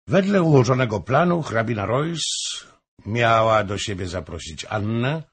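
Male audiobook narrator, gravelly, very husky voice, lively pitch. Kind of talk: scripted narration of a historical novel.

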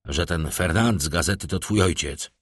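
A man's voice: low-pitched, normal speed, a bit bright, husky, no echo, studio quality. A man voicing a wry, easygoing newspaper editor in an audiobook, jovial and ironic. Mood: measured. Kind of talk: audiobook character voice.

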